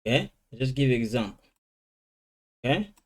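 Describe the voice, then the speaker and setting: Man slowly drilling English vocabulary. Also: medium pitch, expressive, a little mellow. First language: Lingala. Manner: switches between languages, slow drilling of English words. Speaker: language teacher. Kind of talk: informal vocabulary lesson.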